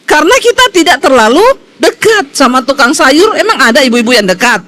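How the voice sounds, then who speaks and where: A woman pastor giving a sermon in a lively storytelling way, swinging between high exclaims and quiet low asides. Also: fairly quick.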